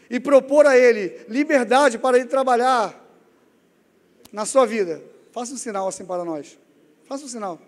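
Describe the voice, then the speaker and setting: A man preaching a sermon with a Brazilian Portuguese accent, telling stories and calling on the congregation. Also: very high voice. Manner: storytelling, emotional, calls to the congregation. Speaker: evangelist preacher. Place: church sanctuary. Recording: long church hall reverb.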